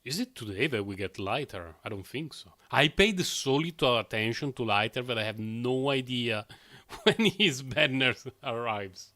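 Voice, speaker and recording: A man's voice: medium pitch, expressive, normal speed, pushed and bright. Chatty male game streamer. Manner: rambling, self-amused, chuckles often. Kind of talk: casual live-stream chat.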